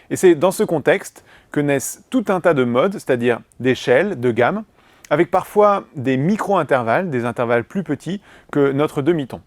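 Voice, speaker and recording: A man narrating a scripted music history lesson in a clear, measured way, listing items one by one. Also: a little high, no echo.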